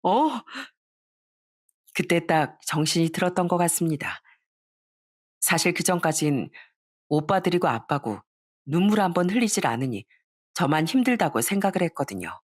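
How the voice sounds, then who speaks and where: A woman calmly narrating a first-person family story in a reflective tone. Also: deep voice, moderate pace, no room sound, clean studio sound.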